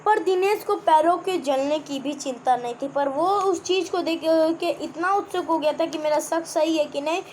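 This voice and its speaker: High-voiced woman teaching a chapter. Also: moderate pace, hardly any pauses, slight background noise. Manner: repeats and explains words, asks the class questions. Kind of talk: explaining a children's textbook chapter.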